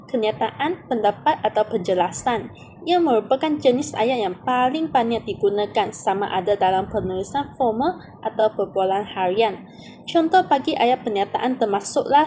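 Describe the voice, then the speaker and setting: Woman calmly reading a grammar lesson. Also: medium pitch, a little hiss or hum. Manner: steady, methodical reading with example sentences. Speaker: student presenting an assignment. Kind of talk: read-aloud grammar explanation.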